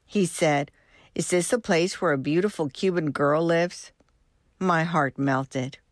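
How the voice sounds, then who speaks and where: A woman in her sixties from Cuba, hosting a podcast and reading her own memoir in a gentle, measured way. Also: low-pitched, no room sound, studio quality. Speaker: host and storyteller.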